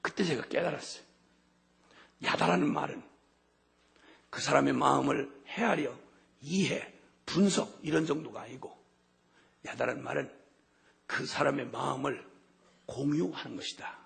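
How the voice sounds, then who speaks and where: A middle-aged man preaching a sermon with passion, his voice swinging from hushed to shouting. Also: medium pitch, moderate pace, creaky, slightly rough. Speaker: missionary preacher.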